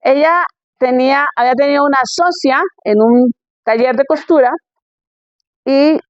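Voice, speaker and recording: A woman's voice: sits high, a little slow, no room sound, lo-fi sound. A woman pastor giving a conference sermon in a conversational way, firing rhetorical questions at her listeners.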